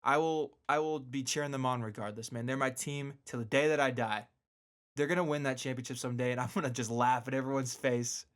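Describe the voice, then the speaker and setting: Brisk and a bit bright, a man with a medium-pitched, fairly even voice hosts a casual solo radio show. Informal and slangy, he repeats words whenever he wants emphasis.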